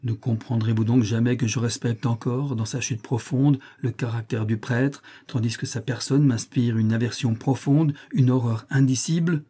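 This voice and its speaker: A dignified young woman who answers with proud, steady calm, as a man reads her part. The reading keeps a dark, mellow and slightly husky tone, like a storybook narrator lending her his voice. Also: mid-range voice, moderate pace, few pauses, lightly acted. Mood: indignant. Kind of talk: audiobook character reading.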